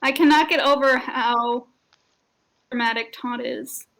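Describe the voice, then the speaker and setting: A woman with a notably high voice speaks in character during a live-streamed tabletop game. Her delivery is halting, full of small fillers and pauses as she finds her words. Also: a bit bright. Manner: hesitant, halting, with many fillers. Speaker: player voicing her character. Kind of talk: in-character tabletop role-play.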